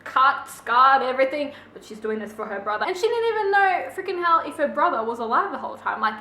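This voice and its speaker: Young woman book vlogger, animated and opinionated, bright voice, echoey room. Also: sits high, quick pace. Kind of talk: casual book review chat.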